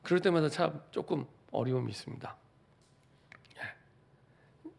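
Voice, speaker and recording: A man's voice: on the high side, a little slow, creaky. A middle-aged man, a pastor, giving a Sunday sermon in a church, repeating phrases for emphasis and asking the congregation rhetorical questions. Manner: repetitive, building emphasis. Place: church sanctuary.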